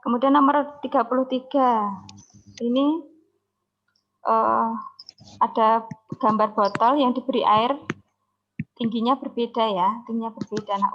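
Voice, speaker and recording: Woman teacher with a high voice. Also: fairly bright tone, lo-fi sound, a little hiss or hum. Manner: explains step by step, repeats key words, frequent "ya" checks. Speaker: science teacher. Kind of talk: online exam review lesson. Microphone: video call.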